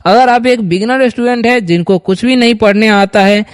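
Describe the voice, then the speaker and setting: A man, teaching English reading, slowly reading words aloud for students to repeat. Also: sits high, smooth. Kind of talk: Hindi-medium reading lesson. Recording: long hall reverb.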